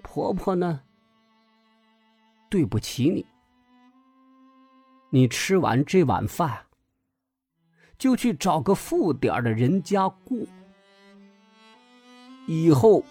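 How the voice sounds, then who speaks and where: A man voicing a poor old grandmother who scolds and commands, stern on the outside but soft-hearted underneath. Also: fairly high pitch, big pitch swings, slow, long pauses, breathy edge, dry recording, faint music behind, heavily acted. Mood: regretful.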